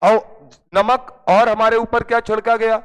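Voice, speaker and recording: Animated male teacher in a reverberant classroom. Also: sits high, unhurried, clean tone. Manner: lively anecdotal telling, acts out voices of friends and mother. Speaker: chemistry teacher. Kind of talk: classroom storytelling. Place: coaching classroom. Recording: long hall reverb in classroom.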